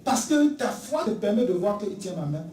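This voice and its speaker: A preacher in full sermon mode, hammering home repeated phrases and slipping into quick acted exchanges. The voice is mellow and dark in tone, heard from well back in a reverberant church with a faint hum of ambience. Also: medium pitch, big pitch swings, recorded from a distance. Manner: emphatic, repeats key phrases, acts out dialogue. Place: church sanctuary. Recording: echoey church recorded from afar.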